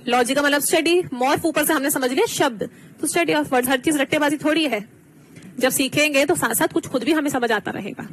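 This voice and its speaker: A woman with a high, light voice teaches a live online exam-prep class. She explains terms slowly, switching between two languages, and keeps asking her students for answers. Faint noise hums under the close mic. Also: low-quality recording.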